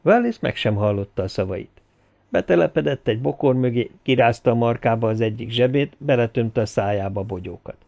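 A male audiobook narrator reading expressively, with a gravelly, creaky voice. The recording sounds dull and lo-fi. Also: mid-range voice. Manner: expressive storytelling. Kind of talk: scripted narration.

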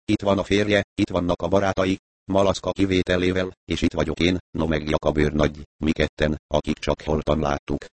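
A composed male detective addresses the gathered suspects in deep, unhurried, courteous sentences, as a male audiobook narrator voices him. The tone stays formal and deliberate, close and dry with no room around it. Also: monotone, no echo, lightly acted. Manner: measured, courteous speechmaking.

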